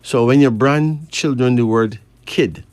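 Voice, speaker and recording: A man's voice: mid-range voice, a little slow, a little mellow, no echo. A man from Barbados, chatting and reading cards, emphatic with rising questions. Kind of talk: casual chat and card reading.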